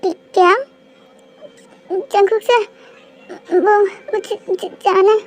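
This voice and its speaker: A high-voiced reader voicing a shy young female college student in a fan-dub audio drama, stammering and tearful. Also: fairly even intonation, drawn-out words, a little mellow, exaggerated voice. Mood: shocked.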